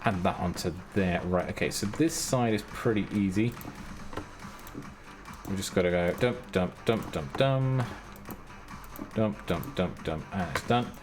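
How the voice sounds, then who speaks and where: With long pauses and an unhurried, low voice, a British man mutters his way through a building game on stream, adding the odd joke at his own expense. His own background music accompanies the commentary.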